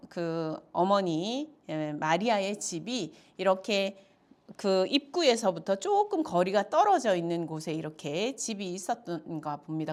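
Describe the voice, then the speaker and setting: A woman pastor preaching an expository sermon, retelling the story with acted-out quotes and frequent filler sounds. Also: medium pitch.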